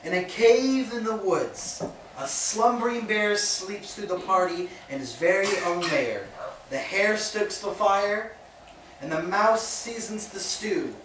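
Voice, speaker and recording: A woman narrating a children's picture-book play at a home party, reading aloud slowly and expressively. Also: mid-range voice. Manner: slow, expressive storybook reading. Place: home birthday party, indoors. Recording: roomy, distant home video with background noise.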